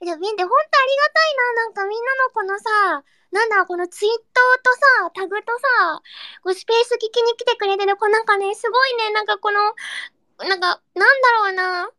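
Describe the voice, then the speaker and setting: A young woman hosting a casual live audio chat, reading listener comments in a cutesy, excitable way and breaking into squeals and giggles. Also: very high-pitched, quick pace, dry recording, clean studio sound. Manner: cutesy, baby-talk endings.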